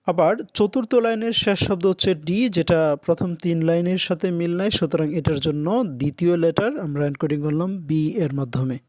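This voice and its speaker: A man teaching an English lesson, reading English lines slowly and translating them into Bengali. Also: on the high side, a little mellow, dry recording, lo-fi sound. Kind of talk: recorded lesson.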